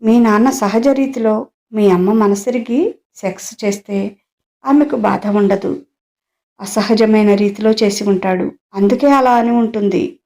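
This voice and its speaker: A woman's voice: medium pitch, measured pace, mellow, natural voice. A woman voicing a bitter, worldly aunt in an audio story, speaking frankly and explaining.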